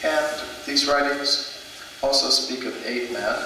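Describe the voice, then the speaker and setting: A man giving a public lecture in measured, deliberate short phrases, leaving room for an interpreter. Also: medium pitch. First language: English. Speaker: lecturer, researcher in history of archaeology. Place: museum lecture hall. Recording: echoey hall, distant mic, noisy.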